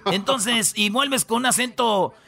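A man's voice: sits high, moderate pace, sharp tone. A man hosting a comedic radio countdown, full of slang and punchlines. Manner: joking, slangy, punchline-driven. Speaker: radio show host.

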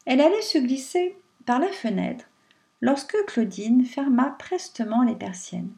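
Female storyteller, calm and measured, fairly high voice, reads a fairy tale. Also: creaky, distant mic. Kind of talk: reading a fairy tale aloud.

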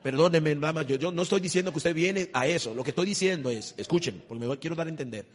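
A middle-aged male preacher giving an impassioned sermon, swinging between loud exhortation and hushed, intimate asides. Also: on the high side, fast talker.

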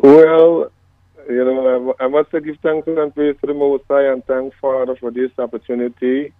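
A Guyanese-born man in his fifties tells his story down a narrow, tinny phone line. He talks slowly and gives thanks often, with a devout, easy manner. The sound is dry and close, with no room around it. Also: mid-range voice, little pitch movement, dry recording. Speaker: reggae singer, phone-in guest. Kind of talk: relaxed storytelling interview.

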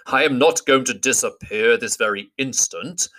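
Old storybook wizard, wise and commanding, raised bright tone, as a narrator puts him on. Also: male voice, mid-range voice, normal speed, pitched above the performer's own voice, natural voice, rough recording. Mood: grave. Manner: grand, formal speech.

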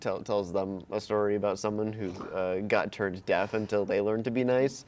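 A man's voice: on the low side, moderate pace. A man casually recapping a movie plot in a chat, telling it with laughs and acted-out quotes. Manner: animated, laughing storyteller who acts out quotes. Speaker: podcast co-host recapping a movie. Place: room shared with the other hosts.

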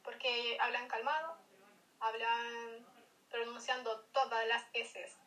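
A woman's voice: on the high side, fairly even intonation, slow, bright, forceful tone, low-quality recording. A Chilean woman with a Chilean accent in casual chat as co-host, explaining points earnestly.

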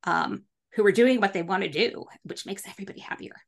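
Relaxed woman podcast host. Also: mid-range voice, fast talker, creaky. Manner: relaxed, conversational, agreeing fillers. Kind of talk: casual podcast chat.

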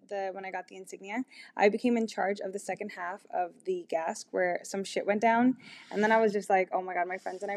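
A young woman chatting casually to camera, full of "like" and "um," candid and giggly as she tells a personal story. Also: medium pitch. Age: young adult. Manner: chatty, filler-heavy with constant "like" and "um"; candid and giggly, laughs mid-sentence. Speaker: vlogger.

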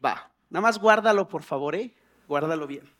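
A man preaching a sermon as a pastor, animated, with humorous asides and pleading prayers acted out in a higher voice. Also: normal speed.

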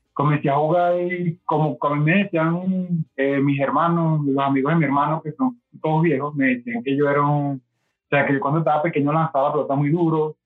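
A Venezuelan man, a podcast guest, telling his story in a rambling, casual way with many fillers and restarts. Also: on the high side. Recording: tinny phone-like line.

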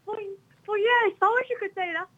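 A woman's voice: very high-pitched, a little fast, a bit bright, dull audio. A woman calling in to a radio show, chatting and giggling as she tells a story. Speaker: caller guest. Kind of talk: casual chat.

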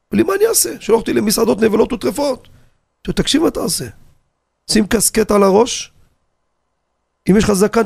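Animated, gravelly-voiced rabbi on the radio. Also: male voice, high voice. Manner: animated, asks rhetorical questions, tells anecdotes. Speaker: rabbi teaching on a radio show.

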